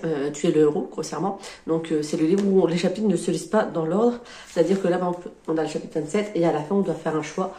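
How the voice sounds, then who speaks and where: A woman talks casually about her current reads in a warm, mellow voice. She is chatty and unhurried, often stopping mid-sentence to find the right word. Her voice carries a noticeable echo from the room. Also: fairly low pitch. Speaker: book vlogger. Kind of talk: casual chat about books she is reading.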